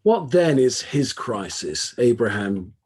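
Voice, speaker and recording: A man delivers a formal academic lecture, his voice slightly husky and low in clarity. He speaks in a measured, deliberate way, stressing key words and stacking phrases in rhetorical lists. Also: big pitch swings, darkish tone.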